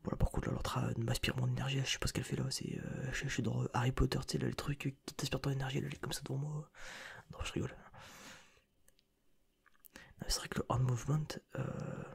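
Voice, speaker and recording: Gravelly whispering man in ASMR reaction. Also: medium pitch, little pitch movement, fast. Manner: rambling, slangy, joking asides. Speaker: ASMR creator and streamer.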